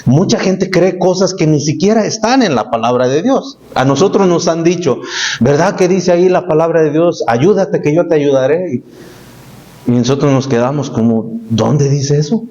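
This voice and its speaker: Pastor, male, relaxed teaching sermon with emphatic repetitions; a bit high-pitched, muffled church tape. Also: normal speed. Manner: plain conversational preaching, rising emphasis with repetitions. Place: church sanctuary. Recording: dull lo-fi church recording.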